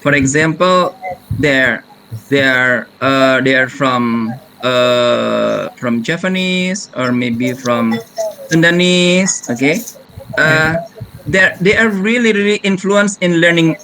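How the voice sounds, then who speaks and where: A man answering a question in class, halting with many restarts and fillers. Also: fairly high pitch, bright, forceful tone, a little hiss or hum, rough recording. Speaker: presenter in a class discussion.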